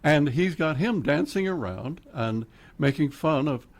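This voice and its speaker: An older man with an Oklahoma accent, a guest on a radio show, spins chatty, rambling stories in a studio, laughing often and hopping from topic to topic. His voice sits fairly high, with lively intonation and a slightly slow pace.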